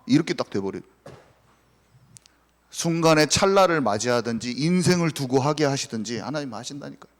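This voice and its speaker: A male pastor preaching a sermon with passion, dropping to a hush and then rising again. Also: mid-range voice, expressive, brisk, long pauses, in a large hall. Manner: impassioned, swings between hushed and raised.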